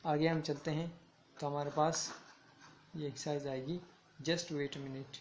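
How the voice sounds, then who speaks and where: Male schoolteacher, fairly high voice, slow deliberate drilling of words; echoey room. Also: steady tone, muffled recording, slight background noise. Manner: slow, deliberate word-by-word reading and repetition. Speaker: school English teacher. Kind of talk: online classroom lesson.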